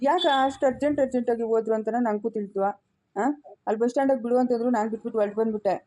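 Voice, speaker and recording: A woman's voice: a little high, warm tone, pitched below the performer's own voice, natural voice. A woman voicing a polite, deferential driver in a Chikkaballapur Kannada accent. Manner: deferential, quick reporting.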